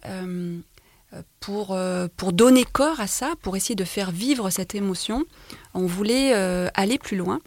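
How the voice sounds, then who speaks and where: A woman's voice: mid-range voice, darkish tone, no echo. Woman with an English accent, radio guest. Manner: hesitant, frequent filler sounds. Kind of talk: radio interview. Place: radio studio.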